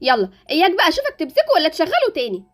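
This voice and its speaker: A woman voicing an impatient, sharp-tongued mother in a Roblox story drama, with an Egyptian accent and a mocking, scolding way of talking. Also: very high voice, huge pitch swings, racing, faint music behind, full character voice. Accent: Egyptian Arabic.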